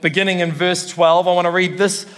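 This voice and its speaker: A man's voice: high voice, level tone, a little fast, a bit bright. A man with a New Zealand accent preaching a sermon as a pastor, in an earnest, emphatic way with repeated phrases. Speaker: church pastor. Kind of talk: sermon to a congregation. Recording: long hall reverb.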